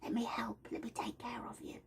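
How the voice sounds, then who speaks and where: A woman voicing a gentle female plant spirit in a whispered role-play, high and breathy. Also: flat delivery, fairly quick, exaggerated voice. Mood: tender.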